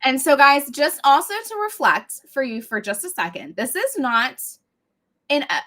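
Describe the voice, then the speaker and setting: A woman's voice: sits high, very animated, normal speed, a bit bright. A woman co-hosting a podcast, talking in a chatty, jokey way. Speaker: podcast co-host. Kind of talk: casual chat.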